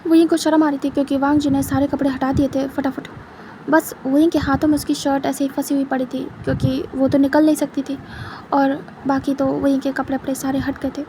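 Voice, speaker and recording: Woman reading out a fanfic story, high voice, lots of traffic noise behind. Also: completely flat delivery, fairly quick. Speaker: fanfiction narrator. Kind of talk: storytelling narration.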